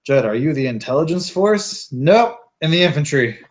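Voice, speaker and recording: A man's voice: a little high, lively intonation, moderate pace. Young man in his twenties, co-host; dry teasing humor, casual chat. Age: 20s. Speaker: co-host, soldier. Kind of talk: casual live stream chat.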